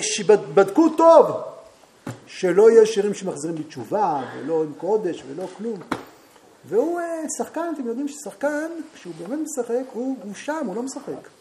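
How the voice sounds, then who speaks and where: Warm-voiced man teaching a Torah class. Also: sits high, a little hiss or hum. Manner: animated storyteller who addresses the class and swells to loud outbursts. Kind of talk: Talmud lesson with storytelling.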